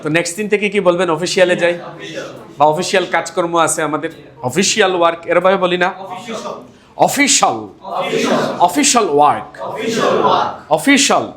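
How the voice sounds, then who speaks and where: A man's voice: high-pitched, steady tone, quick pace. A man teaching English pronunciation to a class, leading call-and-response drills, asking questions and laughing often. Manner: leads students in repeating words, asks questions, laughs often. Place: classroom with students. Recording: echoey classroom with a crowd of students. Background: students repeating in chorus.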